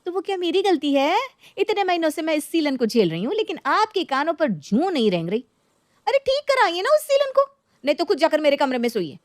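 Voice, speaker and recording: A stubborn young daughter-in-law, voiced by a woman, shrill and indignant in a storybook drama. Her high voice is recorded close and dry. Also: sing-song, quick pace, dry recording.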